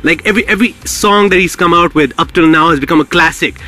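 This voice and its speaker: A man's voice: a little high, quick pace, pushed and bright, faint music behind. A man hosting a live radio interview, effusive and slangy, often repeating words for emphasis. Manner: hype-filled, repetitive, slangy. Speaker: radio show host.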